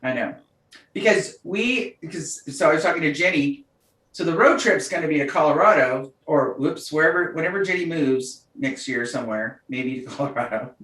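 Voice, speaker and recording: Recorded on a distant mic in a roomy space, a podcast co-host chats casually and tells a story with lots of animation and laughter. Her voice is deep and she talks at a normal speed.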